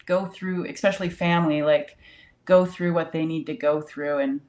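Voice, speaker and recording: A woman with a low voice chatting warmly in a spiritual discussion. She rambles and fills her speech with likes and ums, laughing often. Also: steady tone, normal speed. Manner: warm, rambling, many fillers, laughs often.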